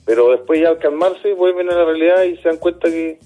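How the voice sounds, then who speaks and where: A man, a dismissed youth care worker, answering in a radio interview in an earnest, halting way, often repeating words. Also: on the high side, warm tone, soft background music.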